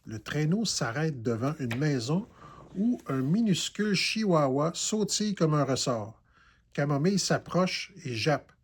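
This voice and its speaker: Man, reading a kids' story, slow, husky, lively pitch. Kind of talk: reading a children's story aloud.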